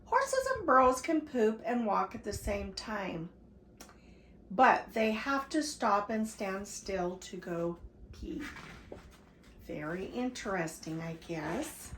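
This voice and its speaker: An older woman reading a picture book to her grandchildren, stopping for animated asides to young listeners. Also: medium pitch, slow pace. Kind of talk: read-aloud story time. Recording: roomy echo, faint background hiss.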